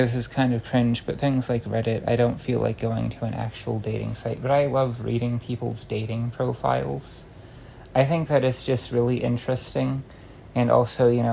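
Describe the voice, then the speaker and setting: A man with a gravelly, creaky voice giving a casual confessional monologue, meandering and hesitant, often breaking off and restarting his sentences. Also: medium pitch, a little mellow. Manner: hesitant, meandering, self-interrupting with frequent false starts. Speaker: online content creator. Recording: faint background noise.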